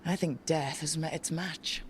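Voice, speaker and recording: An actress playing an easygoing hero who leads a party in a video game. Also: female voice, low voice, steady tone, a little slow, background noise.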